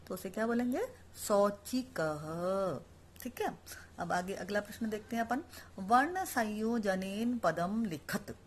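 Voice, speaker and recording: A woman with a medium-pitched voice teaches a Sanskrit lesson online. She explains each word and then repeats it, posing questions to the class and answering them herself.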